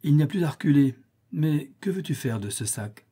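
A man's voice: a little high, lively intonation, moderate pace, dark tone, slightly rough, pitched above the performer's own voice. A man putting on an indignant old Death. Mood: stern. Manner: indignant, scolding tone. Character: stern old female Death, impatient and furious.

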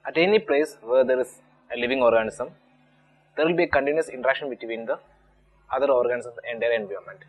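A man with an Indian English accent gives an online exam-prep lesson. His voice is husky and sits at a middle pitch. He explains each idea slowly and repeats it in new words. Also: poor audio. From Kerala, India. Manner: repetitive, restating points step by step. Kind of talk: explanatory lecture.

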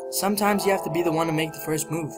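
A young man voicing a gentle, earnest teenage girl consoling a former friend in a video game. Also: fairly high pitch, fairly even intonation, rapid-fire, natural voice. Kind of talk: reading game dialogue aloud. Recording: loud game music behind.

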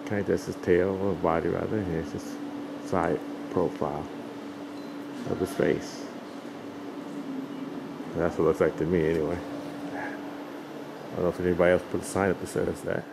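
A man with a low, creaky voice gives casual vlog commentary from behind the camera. He is laid-back as he talks inside a cave, with clear background noise. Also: flat delivery, normal speed, long pauses. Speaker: tourist filming his own video. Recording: noisy cave ambience.

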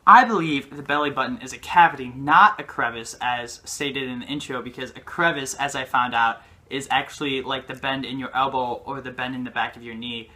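A man's voice: mid-range voice, a little fast, hardly any pauses, sharp tone. A young man co-hosting a video, arguing his points in a casual, playful debate. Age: young adult. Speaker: video co-host. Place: small living room, indoors on a sofa. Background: music.

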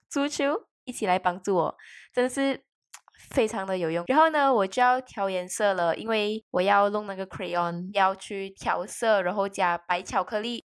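Young woman chatting over her vlog, rambly n playful, drops english words in. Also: medium pitch. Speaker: video creator.

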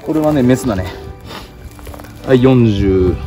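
A man's voice: medium pitch, unhurried. Kansai guy hosting a fishing vlog outside, bouncy talk, music in the back. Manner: excitable, explains fishing tips. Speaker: channel host and fishing guide. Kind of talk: casual outdoor fishing vlog chat. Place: outdoors on a riverbank.

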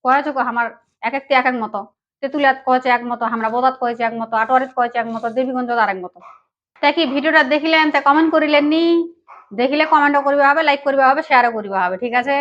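A woman with a high, light voice and a Panchagarh regional Bengali accent chats casually to her viewers in a vlog. Her manner is friendly and direct. The recording sounds a little dull and lo-fi. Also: racing, a bit bright. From Panchagarh, Bangladesh. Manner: chatty, addresses viewers directly. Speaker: vlogger.

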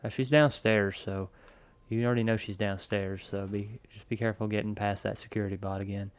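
A man co-hosting a let's play, excitably directing his friend's gameplay and laughing often. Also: on the low side, brisk. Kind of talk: casual gaming commentary.

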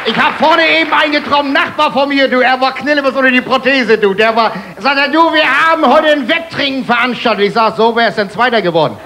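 Hamburg-accented guy cracking one-liners, really high voice, noisy crowd and hiss behind. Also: quick pace, hardly any pauses. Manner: punchy one-liners, keeps calling the crowd "Freunde" and "du". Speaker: stand-up comedian. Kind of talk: rapid-fire joke stand-up. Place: live stage before a laughing audience. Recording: TV show stage recording with crowd noise.

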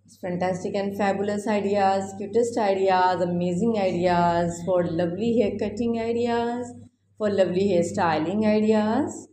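A woman's voice: mid-range voice, steady tone, moderate pace, warm tone. A woman doing an effusive, repetitive voice-over as a YouTube host. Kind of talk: casual scripted-style video voice-over with repeated phrases. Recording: roomy echo, faint background noise.

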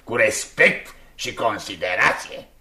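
An actor playing a gruff, prim older innkeeper in a radio drama, speaking slowly and stiffly. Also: male voice, lowish voice, lively intonation, sharp tone, heavily acted.

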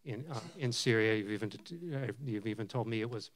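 A middle-aged man hosting a public talk, asking halting, searching questions into a handheld mic in a lecture room. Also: fairly low pitch. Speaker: event host and interviewer. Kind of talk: onstage interview questions. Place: lecture room with a seated audience. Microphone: handheld microphone.

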